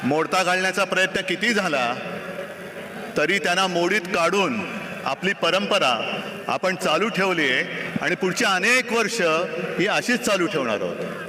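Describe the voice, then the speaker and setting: A man's voice: high voice, lively intonation, background noise. Emphatic man addressing a rally. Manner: emphatic, sarcastic oratory with long pauses. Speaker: political party leader addressing a rally. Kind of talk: rally speech. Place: large outdoor rally ground. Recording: echoey open-air PA sound.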